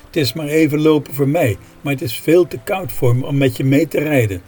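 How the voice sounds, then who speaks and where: A man's voice: a little high, brisk, darkish tone, slightly rough, faint music behind. A man voicing a kind, determined old village woman who speaks firmly and pleadingly in a spoken storybook. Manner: firm and pleading.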